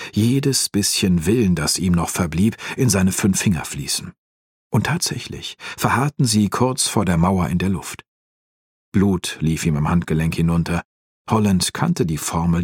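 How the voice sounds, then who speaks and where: A man reading a fantasy audiobook in a calm, even storytelling voice, close to the mic. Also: deep voice, husky, no room sound. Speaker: audiobook narrator. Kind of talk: scripted fantasy audiobook narration.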